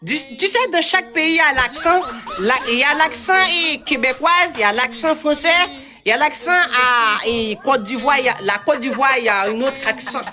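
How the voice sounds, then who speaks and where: A woman's voice: high-pitched, a little fast, crowd noise. A woman in a comic sketch, insistently correcting her partner and repeating her point.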